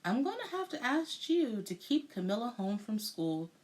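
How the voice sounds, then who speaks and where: A woman reading a children's storybook as an apologetic but firm male school principal, measured and polite. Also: fairly high pitch, big pitch swings, a little mellow. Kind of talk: children's storybook read-aloud.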